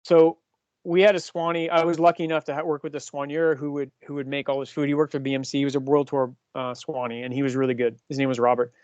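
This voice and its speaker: A man's voice: medium pitch, level tone, fast talker, a little mellow, clean tone, no echo, dull audio. Chatty fifty-year-old male cycling coach. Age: 50s. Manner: chatty, explanatory, asks the group questions. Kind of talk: casual team talk.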